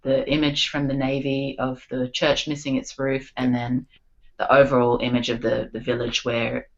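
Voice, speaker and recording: A woman's voice: very deep voice, level tone, moderate pace, dull audio. A woman, chatting casually as a guest on a podcast, peppering her talk with "like" and "um". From Australia. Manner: chatty, lots of "like" and "um". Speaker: guest singer-songwriter.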